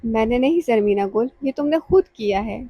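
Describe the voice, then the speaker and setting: A woman's voice: on the high side, lively intonation, slightly rough, lo-fi sound. A woman reading the lines of a stern mother who stresses her words pointedly. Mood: tearful.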